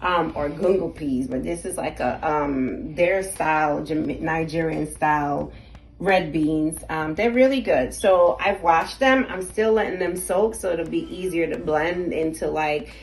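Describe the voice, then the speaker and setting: A woman's voice: sits low, unhurried. A middle-aged woman from Jamaica hosting a casual cooking vlog, chatty and candid, laughing often as she talks. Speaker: vlogger, channel host.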